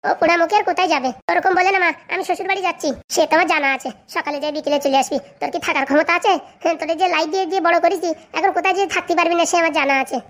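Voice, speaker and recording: A woman playing a cranky sharp-tongued village mother. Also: very high-pitched, very fast, hardly any pauses. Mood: scolding. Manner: scolding, cutting.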